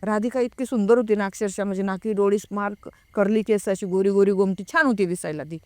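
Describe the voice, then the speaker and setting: A woman telling a personal story in a casual, hesitant way. She pauses to recall details. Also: medium pitch, fairly even intonation, darkish tone, no echo. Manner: reenacts a friend's frightened words. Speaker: guest recounting a personal experience.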